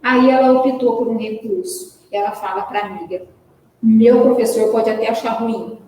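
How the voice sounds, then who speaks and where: A woman's voice: on the high side, normal speed, dark tone. A woman giving a spiritist lecture, telling a story with emotion and speaking directly to her listeners. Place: spiritist centre hall. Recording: echoey hall from far off.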